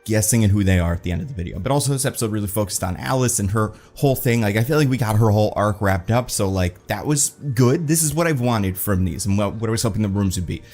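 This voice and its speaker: A man with a fairly low voice talks through a TV episode in a loose, chatty review. He is animated and leans on "like" as a filler. Faint music sits underneath him. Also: fast talker, few pauses. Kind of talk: casual review monologue.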